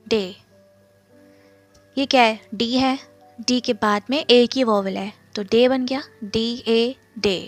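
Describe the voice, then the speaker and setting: A woman teaching shorthand step by step, repeating each sound and asking and answering her own questions. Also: on the high side. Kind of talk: step-by-step lesson explanation.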